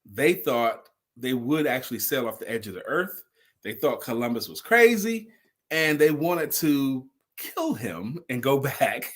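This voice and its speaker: This man, who works as a storyteller and sales speaker, has a medium-pitched, very animated voice and talks a little slowly. He spins his tale casually and emphatically, repeating key lines to drive them home and acting out each character's dialogue.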